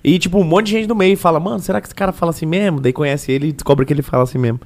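A man with a Brazilian Portuguese accent, a guest comedian telling stories fast and full of slang in a casual podcast chat. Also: on the high side, fairly even intonation. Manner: rapid slangy storytelling.

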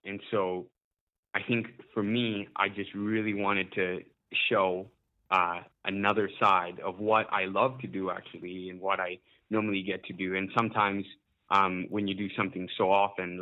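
A man from Uganda, a musician being interviewed, talking casually with many hesitations and frequent laughs. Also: low-pitched. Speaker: musician guest. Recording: tinny phone-like line.

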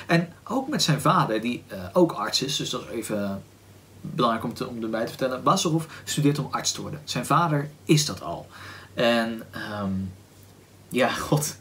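A man with a Dutch accent hosting a book podcast, talking casually and thoughtfully, often pausing to search for words with "ehm" and restarts. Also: mid-range voice, lively intonation, fairly bright tone. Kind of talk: casual book discussion with read-aloud passage.

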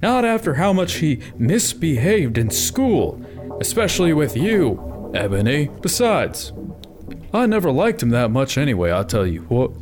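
A man's voice: fairly high pitch, very animated, measured pace, a little mellow. A man voicing a cranky, dismissive old male headmaster wizard, with music behind him. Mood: contemptuous. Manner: gruff, dismissive, breaks into laughter.

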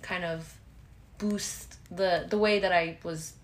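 A woman's voice: fairly low pitch, steady tone, slow. Chatty young woman in an echoey room. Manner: chatty, many fillers. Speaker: podcast co-host. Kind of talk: casual chat.

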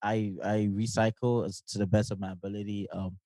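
A young man from New York co-hosting a podcast in animated, jokey casual chat with lots of slang. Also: fairly low pitch, fairly quick, dry recording. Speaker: podcast co-host.

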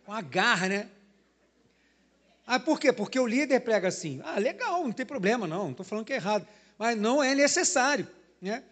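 A man's voice: very high voice, animated, fairly quick, a bit bright. A man, a pastor giving a sermon in a church in a loose, conversational way, often tagging his sentences with "né?". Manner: conversational preaching, frequent "né?" tag questions. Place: church hall.

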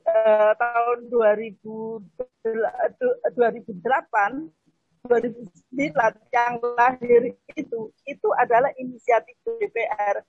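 An older woman speaks in a slightly high, breathy voice that sounds dry and close. She tells of years of advocacy in an earnest way and often restarts her sentences. The sound is dull, lo-fi video-call audio. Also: no echo. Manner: earnest, self-correcting restarts. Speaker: foundation founder, guest speaker. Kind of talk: online talk, recounting advocacy.

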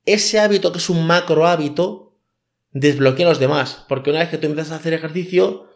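Man, slightly high voice. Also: fairly quick. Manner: hesitant, frequent "eh" fillers. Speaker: life coach. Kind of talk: casual podcast monologue.

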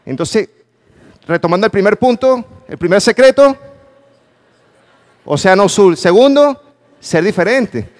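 A man's voice: high voice, lively intonation, unhurried, long pauses. A man giving a motivational talk at a conference, asking his audience questions and stressing his points with emphasis. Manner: emphatic, calls for audience response. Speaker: conference speaker. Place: conference hall with a live audience.

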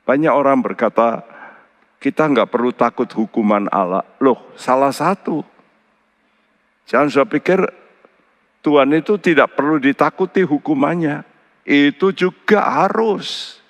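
A man preaching a sermon, earnestly addressing his listeners. His voice leaps high for emphasis, then drops low and quiet on solemn points. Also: a little slow, pauses often. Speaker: pastor. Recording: long hall reverb.

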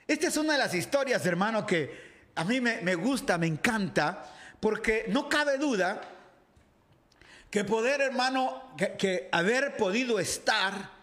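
A man's voice: high voice, unhurried. A man from Ecuador, a pastor preaching in a livestreamed sermon who reads a Bible passage, acts out its crowd and greets viewers' comments by name. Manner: animated, acts out the crowd and shouts in the story. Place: home, dressed casually for a live video.

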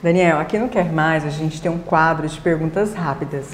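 A woman hosting a talk show, putting in short encouraging interjections and asking quick questions. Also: low voice. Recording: roomy echo, faint background noise.

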